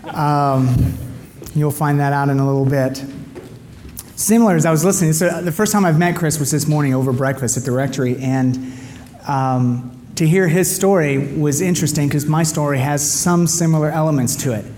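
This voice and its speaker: Brief: frank male testimony speaker, mellow voice, long hall reverb with faint background noise. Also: on the high side, moderate pace. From United States. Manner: candid, confessional. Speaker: guest speaker at a men's gathering. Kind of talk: personal testimony and prayer.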